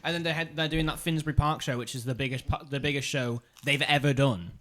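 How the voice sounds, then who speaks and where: A man's voice: a little high, steady tone, fast, fairly bright tone. A man co-hosting a podcast, chatting casually and confidently with firm opinions. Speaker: podcast co-host. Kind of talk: casual chat.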